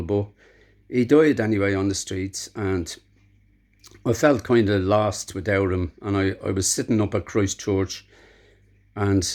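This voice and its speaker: A man's voice: on the low side, darkish tone. A man in his seventies with a Dublin accent, telling a true story in a plain, conversational, reflective way. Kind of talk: spoken true-life storytelling.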